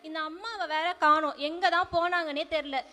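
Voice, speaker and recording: A woman's voice: extremely high pitch, brisk, sharp tone. A woman playing an anxious young village mother soothing her crying baby, in an amateur role play. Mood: fretful. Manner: fretful, pleading.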